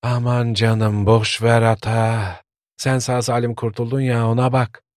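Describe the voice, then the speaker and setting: A man voicing a worried, gruff old village grandfather who scolds and frets. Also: mid-range voice, level tone, measured pace, no echo, studio quality, lightly acted. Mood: soothing. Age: older. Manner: scolding, fretful.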